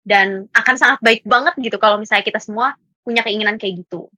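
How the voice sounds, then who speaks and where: A woman's voice: mid-range voice, quick pace, sharp tone, dry recording. A young woman chatting casually on a podcast, mixing in English words and laughing often. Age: young adult. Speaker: podcast guest speaker.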